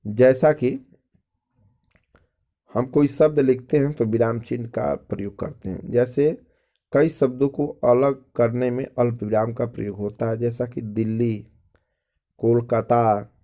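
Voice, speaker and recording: A man's voice: medium pitch, steady tone, a little slow, dark tone. A man teaching a school grammar lesson to children, explaining step by step, repeating phrases and checking in with the class.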